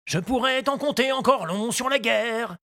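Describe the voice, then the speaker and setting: A woman voicing an old, kindly male gardener who speaks slowly and gravely. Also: fairly high pitch, a bit bright, no room sound, studio quality, pitched above the performer's own voice. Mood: sad.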